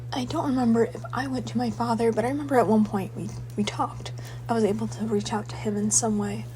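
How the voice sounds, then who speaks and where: A young woman casually recounting a dream in a halting, searching way, her voice breathy and slipping toward a whisper. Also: fairly high pitch, mellow, slight background noise, rough recording. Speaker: dream diarist.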